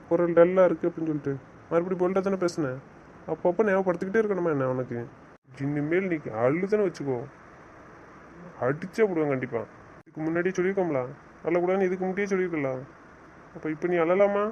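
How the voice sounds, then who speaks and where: A teasing, bossy young husband from a romantic audio drama, played by a man. The voice sits high for a man and is firm when he lectures. It comes through a slightly dull, lo-fi recording. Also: darkish tone, slight background noise, natural voice. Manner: teasing, then stern and scolding. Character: young husband, teasing yet bossy with his new wife.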